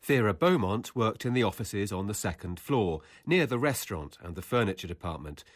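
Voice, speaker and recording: A man narrating a radio documentary in a measured, scripted way. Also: on the low side, lively intonation, no room sound, studio quality.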